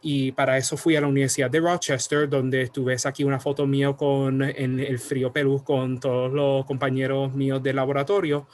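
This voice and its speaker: Young Puerto Rican male scientist, even flat delivery, video-call mic, filler-heavy explainer. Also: medium pitch. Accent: Puerto Rican Spanish. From Puerto Rico. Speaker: guest scientist. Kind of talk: online science talk. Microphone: computer mic on a video call.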